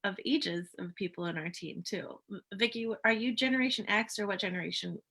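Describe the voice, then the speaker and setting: A woman's voice: medium pitch, fairly bright tone, breathy edge. A woman hosting an online interview, chatting in an upbeat, enthusiastic and casual way. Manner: upbeat, enthusiastic, quick to laugh. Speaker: host. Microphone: video call.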